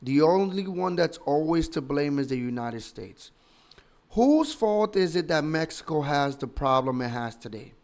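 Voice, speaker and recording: A man's voice: on the high side, expressive, a little slow, a little mellow. A man in his thirties from the Dominican Republic, a political commentator giving opinionated, emphatic and argumentative commentary full of rhetorical questions. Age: 30s.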